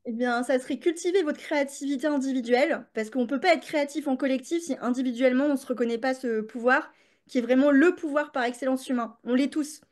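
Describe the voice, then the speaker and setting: High-voiced chatty woman. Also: fast talker. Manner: chatty, many fillers and restarts. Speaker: guest, creativity coach. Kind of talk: casual podcast interview.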